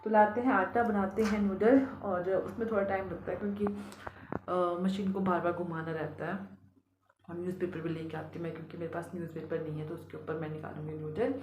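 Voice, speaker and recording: A woman from India chatting casually in a family vlog, homely and quick to laugh, with a slight cold leaving her throat a little rough. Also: on the low side, level tone, darkish tone, roomy sound, slight background noise. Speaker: family vlogger. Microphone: phone camera.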